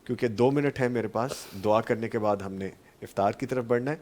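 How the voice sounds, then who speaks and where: A man's voice: medium pitch, a little mellow. A man hosting a live religious talk show and taking phone calls, with polite, formulaic customer-service courtesy toward those he addresses. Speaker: host of a live religious TV transmission.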